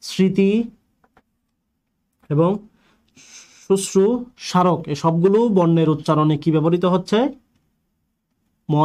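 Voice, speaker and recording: A man's voice: fairly high pitch, darkish tone. A male teacher giving an online grammar lecture, posing questions to the class and answering them himself.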